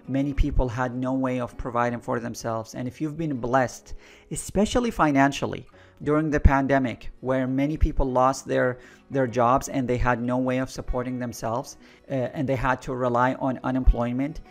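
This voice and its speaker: Faint, gentle guitar accompanies a mid-pitched Iraqi man as he addresses viewers of his energy intuitive channel in a spiritual monologue. He is earnest throughout, circling back to key phrases to give them weight.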